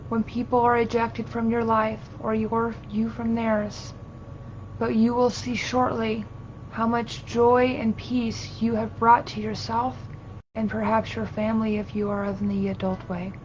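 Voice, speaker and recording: A woman channeling as a seance medium, giving a solemn spiritual sermon in formal, archaic, halting phrases as a collective "we". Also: level tone. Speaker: trance channeler. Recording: dull lo-fi audio with low rumbling noise.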